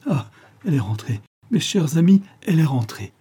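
A man reading the part of an excitable young American officer in love, in an eager, exclamatory way. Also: mid-range voice, moderate pace, husky, close to an everyday voice.

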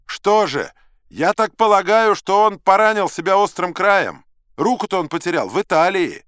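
A man voicing a plain young husband who answers slowly and ponderously, in an audiobook reading. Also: high voice, lively intonation, fairly bright tone, smooth, no echo, clean studio sound, voice pushed up. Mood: sagely.

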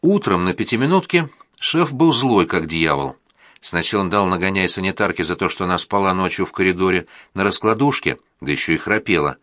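A man narrating a first-person audiobook in a plain, even reading manner. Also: low voice, dry recording, studio quality.

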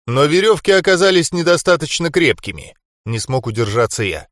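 A man reading a first-person audiobook in a wry, expressive manner. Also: on the high side, fairly quick, dry recording, studio quality. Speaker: audiobook reader.

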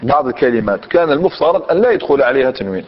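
A man's voice: medium pitch, sing-song, rapid-fire. A man teaching a grammar lesson, questioning his class and repeating their answers. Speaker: Islamic scholar teaching Arabic grammar. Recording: dull lo-fi recording in a reverberant hall.

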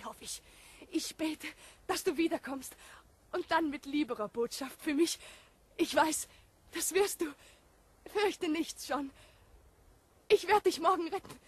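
A woman's voice: high-pitched, animated, measured pace, long pauses, fairly bright tone. An actress playing a scheming, passionate young Puritan woman with theatrical, declamatory delivery in a 1950s German radio play. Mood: fervent, brooding.

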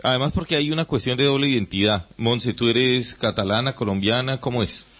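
A man's voice: medium pitch, brisk, a bit bright. Male radio host, community station, playful and teasing. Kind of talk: radio interview.

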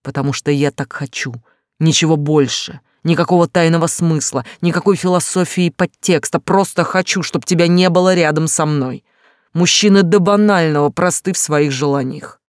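A woman's voice: sits low, steady tone, normal speed, dry recording, clean studio sound, natural voice. Woman reading a scornful, cruel man. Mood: contemptuous. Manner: cutting, scornful, shouts in anger. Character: cruel, contemptuous man rejecting his lover. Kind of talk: audiobook character reading.

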